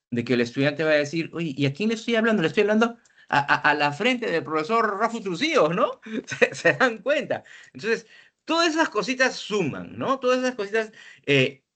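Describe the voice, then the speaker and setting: A man training university teachers, talking in an animated way, with many tag questions and repeated words, recorded indoors at a computer. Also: medium pitch. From Peru. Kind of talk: training talk to teachers on video lessons.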